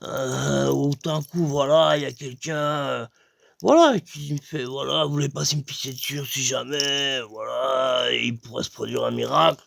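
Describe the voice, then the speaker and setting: A man telling a rambling comic story, full of fillers and sudden jumps in pitch for emphasis. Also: normal speed, creaky, a bit bright, no room sound. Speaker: comedian.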